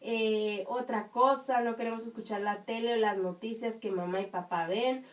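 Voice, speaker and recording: A woman teaching young children, explaining patiently with many checking questions, her high voice strong and carrying. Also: fairly even intonation, normal speed, distant mic. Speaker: primary school teacher. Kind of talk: online class for children.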